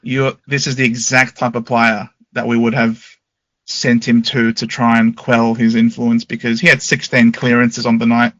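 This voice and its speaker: An Australian man co-hosts a footy podcast, talking through the game in an animated, opinionated way. His voice is bright and sharp. It is recorded dry and close. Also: medium pitch, moderate pace, no room sound, lo-fi sound. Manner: animated, opinionated match talk. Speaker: podcast co-host. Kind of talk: casual footy podcast chat.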